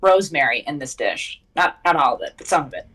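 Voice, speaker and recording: A woman's voice: low-pitched, animated, quick pace, fairly bright tone, rough recording. A woman playing a tabletop game, talking in character in a chatty, playful way with stammering restarts. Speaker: player. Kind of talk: tabletop game role-play.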